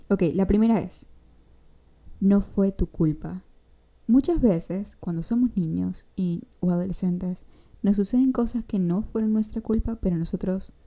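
A young woman with a Venezuelan accent talks straight to her listeners in a casual solo podcast, sprinkling in slang as she gives advice. Her voice is deeply mellow and dark, sitting at an ordinary pitch for a woman. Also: lo-fi sound. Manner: chatty, direct, addresses the listener with advice. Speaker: podcast host.

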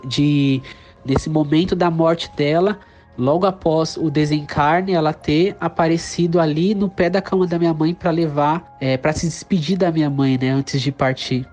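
A Brazilian Portuguese-accented podcast storyteller with a middle-pitched voice recounts a spooky family account in a relaxed, rambling way. The telling leans on fillers and tag questions. Soft music plays faintly underneath. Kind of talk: casual spoken retelling of a paranormal account.

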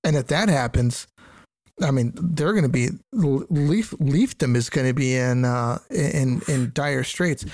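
A man co-hosting a casual sports podcast who talks in a quick, loose way and drops swear words. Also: medium pitch, darkish tone, dry recording. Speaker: podcast co-host.

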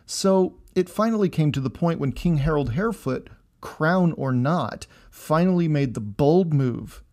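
A man's voice: mid-range voice, gravelly, darkish tone. A man hosting a history podcast, telling the story in a wry, conversational way with dry asides. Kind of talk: scripted history narration with asides.

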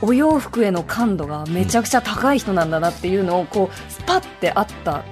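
A woman's voice: medium pitch, lively intonation, a little fast, soft background music. A woman presenting a podcast, who introduces the clips and keeps up a casual chat with her co-host with lots of short backchannels. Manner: attentive, gives many short backchannels.

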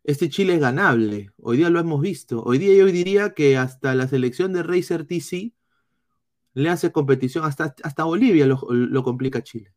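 Man, Peruvian accent, live football stream, blunt and profane, reads chat comments, slightly high voice. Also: a little mellow. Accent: Peruvian Spanish. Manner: blunt, swearing, halting restarts.

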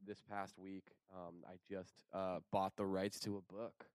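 Young guy shooting the breeze w friends, lowish clean voice, dry sound, lots of slang n cussing. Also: measured pace, clean tone, no room sound. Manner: profane, slangy, animated storytelling. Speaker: screenwriter. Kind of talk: casual chat among friends.

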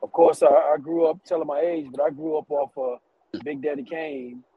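A man's voice: on the high side, steady tone, normal speed, slightly rough, phone-quality sound. A man being interviewed as a rapper, talking in a laid-back casual way.

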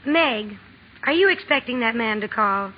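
A high-voiced young tomboy sister in old radio drama style. She is blunt, spirited and emphatic, with a husky edge. The recording is dull and dated. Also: expressive, unhurried. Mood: bossy, teasing. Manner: emphatic, plain-spoken. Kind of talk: 1940s radio drama acting.

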